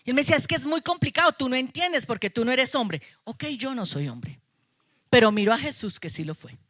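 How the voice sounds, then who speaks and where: A middle-aged Colombian woman pastor preaches in a church sanctuary, full of emphatic passion and tossing playful asides to her congregation. Her voice sits high and a bit bright, with lively intonation and a fairly quick pace. The recording is clean studio sound with no echo.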